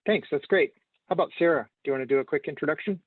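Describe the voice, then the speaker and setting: A man's voice: on the high side, racing, no echo. Host type, man, brief encouraging prompts, dry tinny call line. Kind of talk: video call introductions. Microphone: video call. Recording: tinny phone-like call audio.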